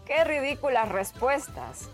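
A woman's voice: high voice, big pitch swings, a little slow, soft background music, voice pushed up. A woman voicing a boastful, grumbling male farmer in a children's storybook. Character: grumbling greedy middle-aged male farmer.

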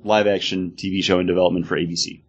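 A man with an American accent speaks in a low, husky voice. He explains things casually and with a fan's enthusiasm, as a co-host in an informal chat. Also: little pitch movement, fast talker, muffled recording. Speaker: podcast co-host.

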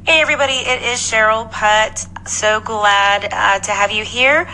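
A woman's voice: mid-range voice, pushed and bright, low-quality recording. A woman hosting a podcast, introducing it in a casual, conversational way. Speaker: podcast host. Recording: faint background hum and noise.

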